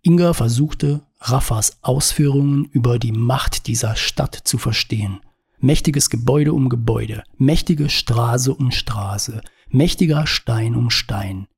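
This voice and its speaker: A man reading a novel aloud in calm, measured narration. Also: mid-range voice, creaky, husky. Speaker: audiobook reader. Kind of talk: scripted narration.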